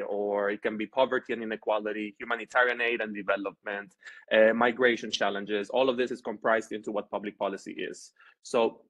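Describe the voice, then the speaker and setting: A man's voice: fairly low pitch, fairly bright tone. A young man from Honduras giving a loose, informal webinar presentation over a video call, full of fillers and restarts. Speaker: marketing coordinator.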